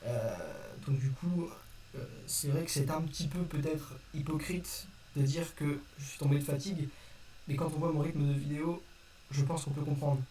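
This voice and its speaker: A young video maker addresses his viewers in an improvised, halting way, apologizing and revising what he says. His voice is on the high side, steady, mellow, and moderately paced. It's captured by a distant mic in a roomy space with faint noise behind.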